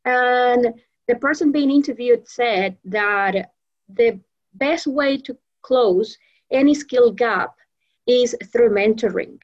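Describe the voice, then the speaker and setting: A Venezuelan woman, a native Spanish speaker, is interviewed as a guest in her role as a professional trainer and mentor. Her voice sits a little high and moves slowly, full of fillers and restarts, and the audio is dull.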